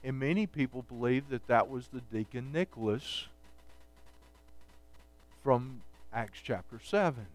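A man's voice: medium pitch, unhurried, long pauses. A man preaching a midweek Bible study sermon, reading scripture aloud and explaining it conversationally, often checking in with "okay" and "all right". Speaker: pastor.

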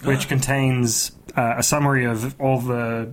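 A man's voice: mid-range voice, flat delivery, unhurried. A man co-hosting a casual conversation, talking enthusiastically about his hobby in a rambling, storytelling way. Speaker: podcast co-host.

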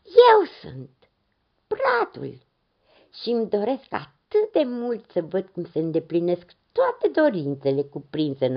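A woman voicing a proud, gentle magical fir tree in a storybook tale, on a dull lo-fi recording. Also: fairly low pitch, voice pushed up, full character voice.

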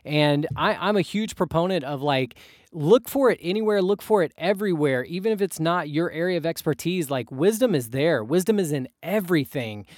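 A young man co-hosts a podcast in a loose, rambling way, full of fillers and restarts. His voice sits a bit high, and the recording is dry and close. He sounds easygoing and conversational. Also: animated, a little fast, darkish tone, no echo. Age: young adult. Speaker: podcast co-host. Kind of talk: casual podcast chat.

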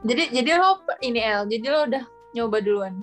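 A woman's voice: a little high, lively intonation, quick pace, a bit bright, faint music behind. A young woman chatting casually as a guest, telling a story with hesitant restarts.

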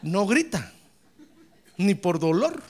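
A man preaching as a pastor in a church, a fiery Pentecostal sermon that swings from quiet asides to shouted exclamations. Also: high voice, very animated, takes it slowly.

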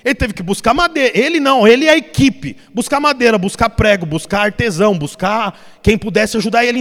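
A man preaching a sermon, retelling a story animatedly and acting out the characters. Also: very high voice. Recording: long reverb, soft music behind.

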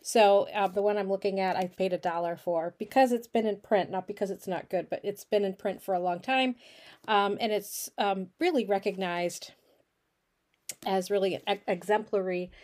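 A woman's voice: mid-range voice, a little mellow. A woman instructor giving a casual, chatty recorded lecture to her course, with frequent fillers. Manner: chatty, many fillers and restarts. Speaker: college instructor.

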